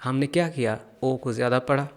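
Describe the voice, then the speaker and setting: A man teaching English pronunciation, explaining sounds and repeating practice phrases slowly and deliberately. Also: medium pitch. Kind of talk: pronunciation lesson, reading aloud.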